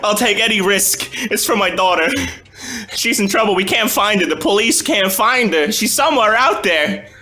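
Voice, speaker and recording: A man's voice: moderate pace, bright, forceful tone. A man doing a frantic, tearful older woman. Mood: pleading, frantic. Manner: high, frantic, breathless pleading. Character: distressed older farm woman, tearful and pleading.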